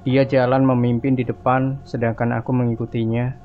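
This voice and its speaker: A man's voice: mid-range voice, little pitch movement, moderate pace. A man narrates a horror story, reading in a casual, conversational way. The recording sounds somewhat dull and lo-fi. Faint music plays underneath.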